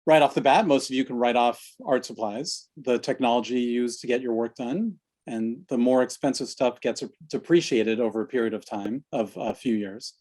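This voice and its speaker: A man presenting an online workshop over a video call, explaining in a relaxed, conversational way. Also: medium pitch, normal speed.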